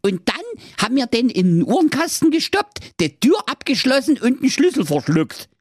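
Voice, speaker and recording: A man's voice: big pitch swings, moderate pace, slightly rough, no room sound, studio quality, heavily acted. A man voicing the smallest of seven little goat kids, a cheeky, foul-mouthed youngster blurting out a wild confession in a comic tale. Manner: squeaky, brash, rattling off a wild confession. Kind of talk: comic storytelling.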